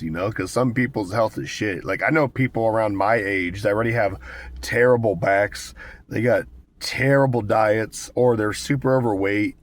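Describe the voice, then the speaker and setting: An American man in his twenties with a cold and a raspy smoker's voice, chatting casually and candidly to viewers with plenty of swearing. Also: lowish voice. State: hoarse with a cold, smoker's rasp. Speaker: vlogger. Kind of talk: casual rambling talk to viewers.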